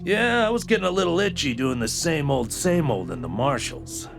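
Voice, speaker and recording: An actor playing a friendly, slick male marshal who talks in a relaxed, joking way. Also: fairly high pitch, moderate pace, gravelly. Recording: game audio with music.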